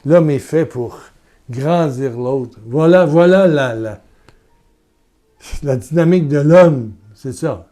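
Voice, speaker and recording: A man with a Québécois French accent preaching a sermon and leading a guided prayer. He is earnest and repetitive, swinging from loud urging to soft murmurs. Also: fairly high pitch, slow.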